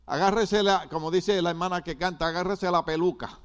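An older Puerto Rican pastor with a Puerto Rican Spanish accent preaches a sermon full of emphatic repetition and asides to the congregation. His voice sits high and clean, with a steady tone and a fairly quick pace.

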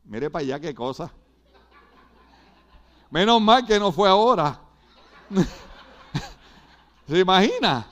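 A middle-aged pastor from Puerto Rico preaches in a Puerto Rican accent, with a high-pitched voice. He hammers his points home by repeating phrases and keeps turning to the congregation with quick asides. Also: big pitch swings, a bit bright. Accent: Puerto Rican Spanish. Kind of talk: sermon.

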